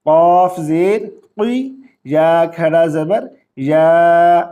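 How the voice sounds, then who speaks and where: A fairly high-voiced man teaching tajweed with a Pakistani Urdu accent. He rushes through his explanations, then chants each Arabic word very slowly, stretching every syllable. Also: dark tone. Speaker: Quran teacher. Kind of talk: tajweed recitation lesson.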